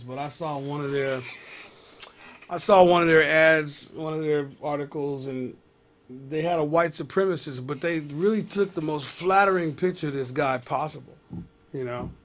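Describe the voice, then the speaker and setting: A man's voice: fairly high pitch, a little hiss or hum. A comedian hosting a live web show, riffing on news stories and talking straight to his viewers in a casual, exasperated way.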